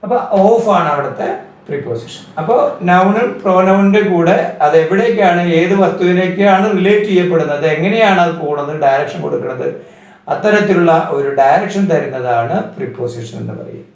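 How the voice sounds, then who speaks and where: A middle-aged man with a Kerala accent gives a grammar lesson, reading English definitions slowly and then explaining them in Malayalam. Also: sits high, a little mellow. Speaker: grammar teacher. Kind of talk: recorded grammar lecture. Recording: echoey room, voice distant from mic.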